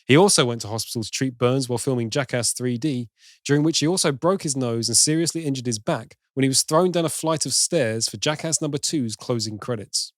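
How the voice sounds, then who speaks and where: A British man co-hosts a film podcast, reading trivia at length in a middle-pitched voice. He breaks off to laugh easily between facts. The recording is dry and close. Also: brisk, dry recording. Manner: reads trivia in long runs, laughs easily. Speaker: podcast co-host.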